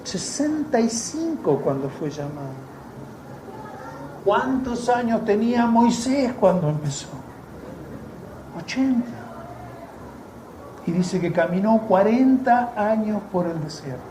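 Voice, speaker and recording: A man's voice: sits high, lively intonation, slow, pauses often, mellow. A man with an Argentine accent who preaches a conversational sermon in a church, with sarcastic asides. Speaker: missionary preacher. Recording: echoey church room, faint noise.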